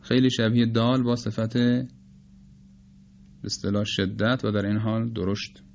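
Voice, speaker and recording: A man with Persian as his first language, teaching the pronunciation of letters in a measured, explanatory lecture and slowly demonstrating sounds. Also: lowish voice, level tone, creaky, a little mellow, lo-fi sound, a little hiss or hum. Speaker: teacher of Quranic recitation. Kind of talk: spoken lecture on phonetics.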